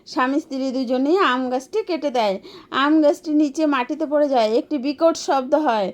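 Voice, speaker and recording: A woman storyteller narrating a moral folk tale in a steady storytelling manner. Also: sits high, normal speed.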